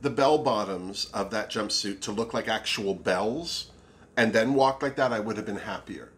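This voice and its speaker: A man in a casual review chat, talking in a campy drag queen manner with drawn-out emphasis. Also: fairly low pitch, a bit bright. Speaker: drag show review co-host.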